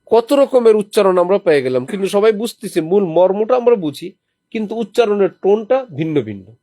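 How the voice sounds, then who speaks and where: This sermon comes from a man whose high, expressive voice has a dark tone and a fairly quick pace, captured dry in studio quality. Staying in lodgings while visiting a holy city, he teaches a small group, quoting Quranic verses as examples and asking them questions.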